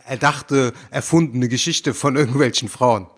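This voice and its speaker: A man's voice: medium pitch, normal speed. A young man co-hosting a casual podcast, answering in a dry, skeptical, teasing way. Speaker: podcast co-host.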